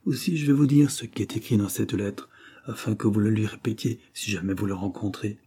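A man's voice: fairly low pitch, steady tone, a little fast, mellow, slightly rough. A man voicing a proud, wild, distraught dying woman in an audiobook, vehement and prone to angry outbursts. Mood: pleading, intense. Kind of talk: audiobook character reading.

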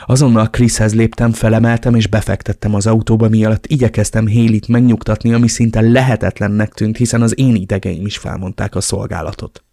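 Gravelly-voiced male audiobook narrator. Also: fairly low pitch, steady tone, few pauses, mellow, no echo, clean studio sound. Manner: dramatic, emotional reading. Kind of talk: first-person novel narration.

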